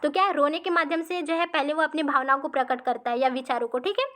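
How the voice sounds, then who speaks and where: A woman with a high, light voice teaches an exam-practice lesson. She explains slowly and repeats each point, checking in after almost every line. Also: fairly even intonation, fairly bright tone.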